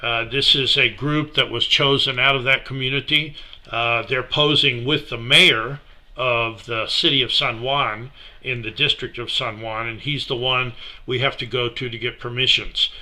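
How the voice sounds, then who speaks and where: A middle-aged man giving a relaxed, unhurried slideshow talk about a mission project, with many fillers. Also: mid-range voice. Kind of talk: casual slideshow presentation.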